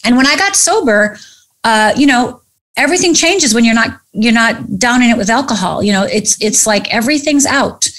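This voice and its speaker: A middle-aged woman telling a personal story as an interview guest, animated and acting out the voices of people she quotes. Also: a little high, normal speed.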